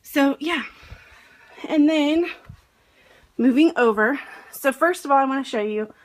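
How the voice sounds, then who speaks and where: A woman's voice: high voice, a little slow. Chatty young woman with a rambling vlog voice. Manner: chatty, rambling, many fillers. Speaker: vlogger. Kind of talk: casual home tour vlog. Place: in her home.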